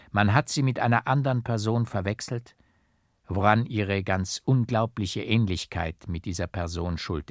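A man voicing an older judge who speaks slowly, formally and solemnly. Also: lowish voice, no echo, studio quality. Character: grave older male judge, kindly but formal.

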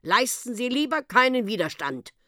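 A woman voicing a grumpy, blustering male town policeman in a storybook reading, loud and officious. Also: medium pitch, lively intonation, measured pace, no room sound, studio quality, voice pushed up, close to an everyday voice.

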